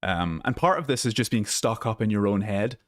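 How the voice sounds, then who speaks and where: A man's voice: on the low side, lively intonation, a little fast, no room sound, clean studio sound. A man coaching listeners on dating in a casual live talk, blunt and swearing freely, often restarting his sentences. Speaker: dating and social skills coach. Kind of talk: casual live advice monologue.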